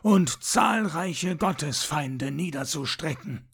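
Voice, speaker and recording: A man's voice: a little high, animated, takes it slowly, vocal fry, a bit bright, husky, heavily acted. A man voicing a proud, boastful male warrior comrade in a storybook, teasing and good-humored.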